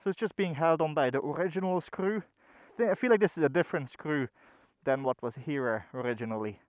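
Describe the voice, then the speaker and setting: Higher-voiced man talking inside a helmet. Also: fairly quick, dry recording. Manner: swears often. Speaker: motovlogger. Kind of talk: casual motovlog talk to viewers. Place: outdoors on a motorbike and at the roadside.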